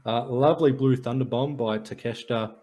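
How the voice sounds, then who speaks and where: A man's voice: medium pitch, steady tone, fairly quick, dark tone. Man, podcast co-host, casual sports chat, dry jokey stat rundown.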